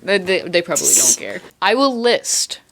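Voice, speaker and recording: A woman's voice: on the low side, very animated, moderate pace, a bit bright, slight background noise. A young woman hosting a casual interview chat, with a playful, mock-formal, dryly joking way of talking. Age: young adult. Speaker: host.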